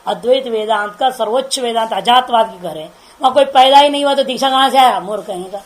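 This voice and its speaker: High-voiced woman giving a chatty discourse. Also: quick pace, poor audio. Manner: chatty, laughing, asks listeners rhetorical checks. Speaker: spiritual teacher. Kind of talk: informal religious discourse.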